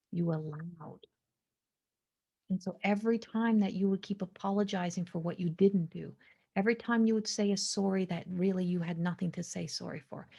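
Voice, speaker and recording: A woman in her forties hosting a podcast, sharing a slow, introspective spiritual monologue that sometimes drops to a hushed whisper. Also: medium pitch. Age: 40s. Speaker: podcast host.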